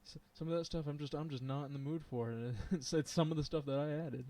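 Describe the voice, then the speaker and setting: This live coding streamer has a slightly high, dark-toned voice, steady in tone and quick. He rambles through his thoughts out loud with plenty of ums and hesitations, laughing and talking with his viewers.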